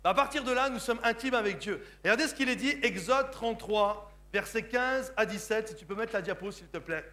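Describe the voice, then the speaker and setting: A French pastor born to Sicilian parents preaches a sermon in church, emphatic and repeatedly asking the congregation "Comprenez-vous?". His high-pitched voice is sharp in tone and fairly quick, with few pauses.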